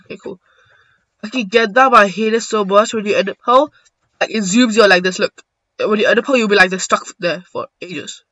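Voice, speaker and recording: A young man giving casual gameplay commentary, muttering to himself and bursting into excited shouts. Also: sits high, a little fast, no room sound, low-quality recording. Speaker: gaming YouTuber.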